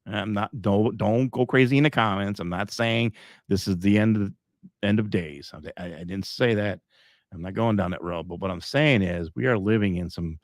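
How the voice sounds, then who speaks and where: A man's voice: on the low side, no room sound, studio quality. A middle-aged man hosting a live podcast, talking in a rambling, emphatic way with frequent chuckles. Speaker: podcast host.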